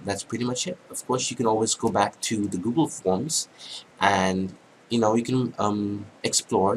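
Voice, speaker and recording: Hoarse, congested man with a deep voice. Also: a little hiss or hum, rough recording. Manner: casual, halting, many ums. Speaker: tutorial narrator. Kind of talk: screen-recorded software tutorial.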